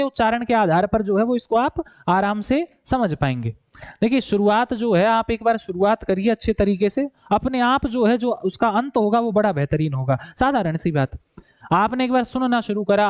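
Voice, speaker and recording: A man coaching students for a Hindi exam, calling them "bhai" and slowly repeating words to show how they are pronounced. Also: very high voice, no echo, studio quality. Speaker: exam prep teacher. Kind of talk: explaining Hindi grammar for an exam.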